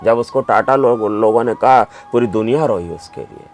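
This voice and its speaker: A man's voice: lowish voice, moderate pace, a little mellow. A man who is a doctor and writer, answering interview questions with emphatic, anecdotal storytelling.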